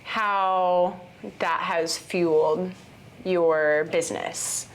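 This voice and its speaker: A woman's voice: lowish voice, fairly even intonation, drawn-out words. Woman host asking interview questions. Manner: brief encouraging acknowledgments and questions. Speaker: podcast host. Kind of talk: casual interview.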